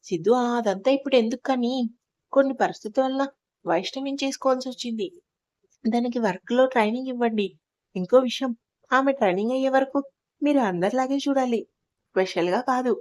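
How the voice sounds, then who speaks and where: A woman's voice: a little high, a little fast, pauses often, a little mellow, no room sound, natural voice. A woman voicing a young male boss who gives firm instructions.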